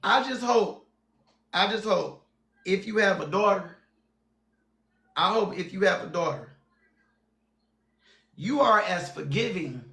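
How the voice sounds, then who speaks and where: Gravelly high-voiced man in his forties. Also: bright, forceful tone, reverberant. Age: 40s. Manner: blunt, repeats phrases and names for emphasis. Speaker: livestream host. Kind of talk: heated livestream chat.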